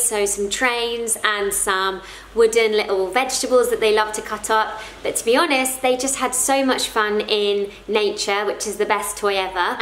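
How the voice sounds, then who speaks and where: At home in her living room, a woman in her thirties who makes parenting vlogs shares practical tips with the camera, chatty and friendly. Her voice is a little high and fairly bright, and the close-range front camera picks up a reverberant room.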